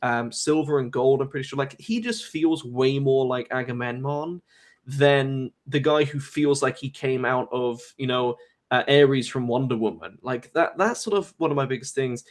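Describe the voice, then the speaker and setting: A man's voice: mid-range voice, normal speed. Rambling young man hosting a live chat. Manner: rambling, frequent fillers and restarts. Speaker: host. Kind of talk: casual live-stream discussion.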